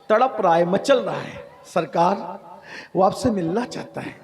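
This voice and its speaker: An earnest older male companion implores on behalf of someone , as a preacher voices him. His voice sits high. He speaks with an urgent, pleading tone. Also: lively intonation. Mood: imploring.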